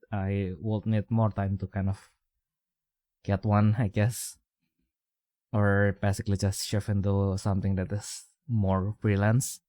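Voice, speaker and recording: A man's voice: on the low side, darkish tone, no echo, clean studio sound. An Indonesian-accented man, casual podcast chat. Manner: rambling, many fillers and restarts, chuckles often. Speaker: podcast co-host.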